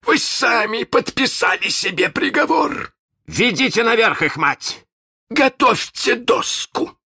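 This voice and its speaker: Captain Hook, a raspy snarling pirate. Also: male voice, high voice, wildly swooping pitch, sharp tone, pitched above the performer's own voice, heavily acted. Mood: furious. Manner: barking, theatrical, drawn-out threats. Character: menacing snarling adult male pirate captain. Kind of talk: audiobook character voice.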